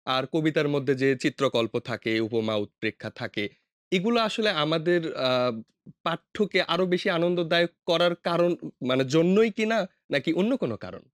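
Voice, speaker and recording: A man's voice: a little high, moderate pace, dry recording, clean studio sound. A young man with a Bangladeshi Bengali accent, co-hosting a lesson podcast and asking hesitant, curious questions.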